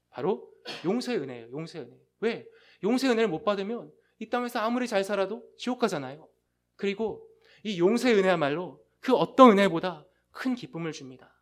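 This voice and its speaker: Middle-aged male pastor, high voice, fervent sermon delivery that swells loud and drops to a hush. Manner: impassioned preaching with sharp rises and hushed drops.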